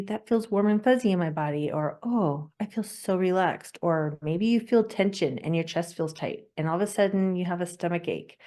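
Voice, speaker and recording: A woman podcast host leading a gentle guided breathing exercise, often laughing and slowing down as she guides. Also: on the low side.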